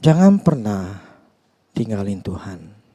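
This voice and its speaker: A man's voice: lowish voice, sing-song, slow pace, dark tone, breathy edge. A male pastor giving a conversational, earnest sermon, often hesitating and restarting with fillers. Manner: earnest, confessional.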